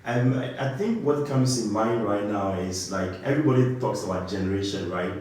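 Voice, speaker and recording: A man's voice: lowish voice, normal speed, darkish tone. A man from Ghana with a Ghanaian accent, a compliance engineer explaining a technical topic and often checking in with "right?". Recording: very echoey room.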